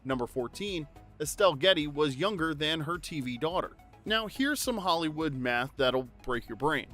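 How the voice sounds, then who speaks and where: A man narrates a pop-culture trivia video in an upbeat, jokey, conversational read. His voice sits a bit high for a man, with faint music under it. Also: lively intonation, moderate pace, a bit bright. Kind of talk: scripted narration.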